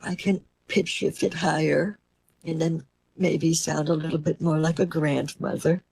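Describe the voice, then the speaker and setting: A raised, pitch-shifted voice changer voice of an elderly grandmother, as a man puts her on. It comes out gravelly and husky, with almost no rise and fall. It sounds like a software demonstration. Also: level tone, measured pace, full character voice. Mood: playful.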